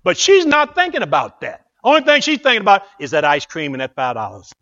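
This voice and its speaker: A male preacher with a high, very lively voice tells a story in a sermon, dramatically and with much repetition. The recording is slightly muffled. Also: a little fast.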